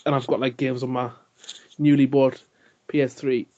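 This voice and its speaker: A man's voice: mid-range voice, little pitch movement, moderate pace, darkish tone. A man co-hosting a podcast in jokey, teasing casual chat. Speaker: podcast co-host. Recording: dull lo-fi sound.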